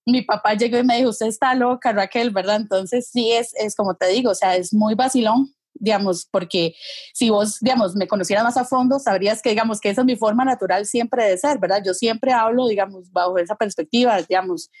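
A woman's voice: mid-range voice, brisk, a little mellow, husky, dry recording. A woman with a Costa Rican accent, a guest chatting frankly and casually, often tagging her sentences with questions. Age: adult with a daughter. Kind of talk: casual conversation.

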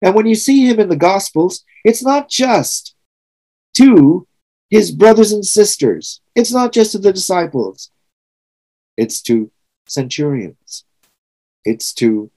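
Mellow-voiced man preaching. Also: sits high, expressive, takes it slowly, low-quality recording. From Trinidad and Tobago. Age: 60s. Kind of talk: sermon.

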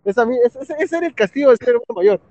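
A Peruvian man with a high-pitched voice chats in a relaxed, slang-heavy way. He laughs at his own stories. The sound is muffled and lo-fi, with faint noise behind it. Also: racing. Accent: Peruvian Spanish. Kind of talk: casual chat. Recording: muffled lo-fi with faint background hiss.

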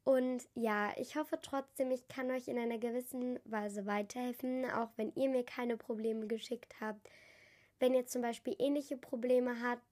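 With a fairly high, steady voice of darkish tone, a teenage podcast host speaks at normal speed. She's alone on her show, nasal from a cold, chatting sincerely with listeners.

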